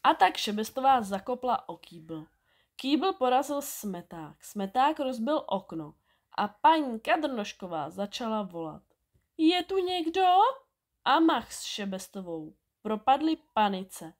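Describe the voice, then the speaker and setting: A woman reading a bedtime story aloud, expressive and animated. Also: fairly high pitch.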